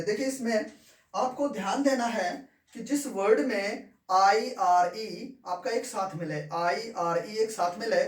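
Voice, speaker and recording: A man teaching English pronunciation, repeating each word and asking questions. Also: high voice. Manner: repeats words and asks the class questions. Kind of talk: classroom lesson. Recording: echoey room, far from mic.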